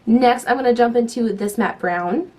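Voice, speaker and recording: In a casual makeup tutorial, a young female beauty vlogger chats enthusiastically while applying makeup, her voice slightly altered by a lingering cold. She speaks at normal speed with a somewhat high, darkish voice, and faint music plays in the background.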